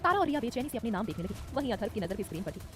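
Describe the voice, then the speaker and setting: Rapid-fire woman storyteller. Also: fairly high pitch, very animated, noisy background. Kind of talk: scripted audio story narration. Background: soft music.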